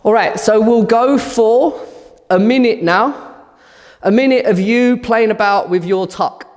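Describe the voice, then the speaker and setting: A man's voice: high-pitched, unhurried, long reverb tail. A man guiding a fitness class through handstand conditioning, cueing moves while demonstrating and sometimes out of breath. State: out of breath at times. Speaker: fitness instructor.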